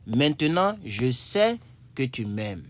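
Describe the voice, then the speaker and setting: A man giving a casual vocabulary lesson as an English teacher, repeating key words slowly and checking in often, with chatty, apologetic asides. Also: mid-range voice, sing-song.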